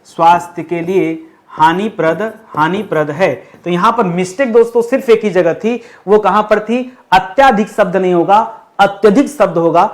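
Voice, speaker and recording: A man teaching an exam lesson, repeating words slowly while writing and asking and answering his own questions. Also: high voice. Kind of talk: classroom-style lesson.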